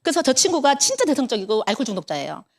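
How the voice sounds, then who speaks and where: A woman's voice: high-pitched, very fast. A woman in her fifties giving a motivational talk as a business leader, telling stories and acting out the dialogue, with a Busan-area accent. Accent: Korean, Busan area. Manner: animated storyteller acting out dialogue. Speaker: network marketing business leader.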